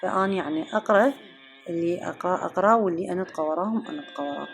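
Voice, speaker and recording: Iraqi woman vlogger, chatty and fast, low voice, kitchen talk to her followers. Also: faint music behind. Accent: Iraqi Arabic. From Iraq. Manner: chatty, addresses viewers warmly as girls and sweethearts. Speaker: home cooking vlogger. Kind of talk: casual chat to viewers.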